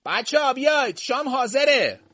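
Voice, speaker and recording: A man voicing a woman housekeeper who calls the children to supper in a high, loud voice. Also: animated, dry recording, muffled recording, exaggerated voice. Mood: calling. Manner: loud calling.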